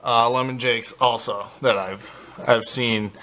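A man from the American Midwest giving a casual, halting walkthrough of his basement fish tanks, full of fillers and restarts, recorded on a handheld camera. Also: mid-range voice, fairly even intonation, sharp tone, a little hiss or hum. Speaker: fish breeder vlogger. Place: basement fish room, indoors.

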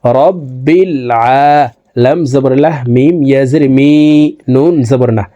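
A man's voice: mid-range voice, slow pace, warm tone, muffled recording. A man with a Bangladeshi Bengali accent teaching Quran recitation syllable by syllable, patiently repeating each sound and drawing the words out for learners to copy. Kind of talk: spelling-out Quran lesson, slow drawn-out recitation.

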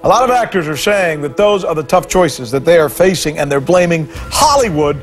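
A man anchoring a cable news segment in a brisk, polished delivery. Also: on the high side, lively intonation, faint music behind.

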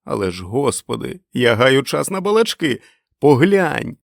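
A man voicing a winged grown father who longs to fly, shouting his joy at being free. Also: low-pitched, lively intonation, normal speed, dry recording, studio quality. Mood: exultant. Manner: bursts into loud joyful exclamations. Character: winged grown father yearning to fly, gloomy then overjoyed. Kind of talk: audiobook character reading.

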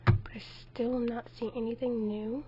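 A woman's voice: a little high, flat delivery, moderate pace, muffled recording. A woman commentating her own gameplay with a sore throat, chatty and talking to herself with mild exclamations. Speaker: gameplay video host. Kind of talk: let's play commentary.

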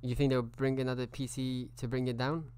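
A man's voice: medium pitch, level tone, a little fast, darkish tone, clear, resonant tone. A man streaming a video game live, chatting casually and greeting viewers by name.

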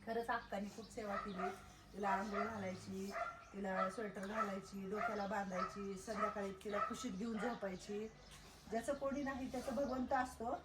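A woman, a caretaker at an old age home, gently coaxing and calming residents in casual talk, often repeating herself. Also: medium pitch, moderate pace, very noisy. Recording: echoey room.

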